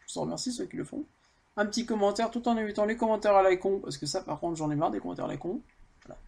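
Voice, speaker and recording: A man's voice: high voice, racing, creaky, a little mellow. A middle-aged man from Auvergne vlogging casually about a bike ride, blunt and swearing as he talks, with a heavy cold. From Auvergne, France. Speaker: cycling vlogger. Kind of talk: casual vlog narration.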